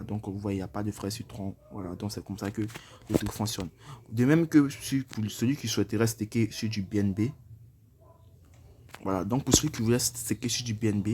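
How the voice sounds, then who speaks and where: A man with a somewhat low voice talks through a screen tutorial in a casual, unscripted way. He hesitates often, restarts phrases and leans on the same filler word again and again. A faint background hiss sits under the voice. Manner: hesitant, repeats himself, frequent "voilà" fillers. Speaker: crypto tutorial presenter.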